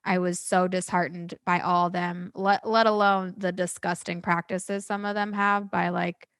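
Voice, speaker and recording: Outspoken woman with a creaky voice. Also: fairly low pitch, little pitch movement, normal speed, a bit bright, dry recording. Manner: emphatic, outspoken, punctuates talk with "like". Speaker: podcast host. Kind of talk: casual podcast chat.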